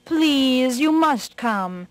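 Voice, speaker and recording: A woman's voice: high-pitched, animated, extremely slow, no echo, pitched above the performer's own voice, exaggerated voice. Gullible, hungry storybook tiger, insistent and pleading, read by a woman.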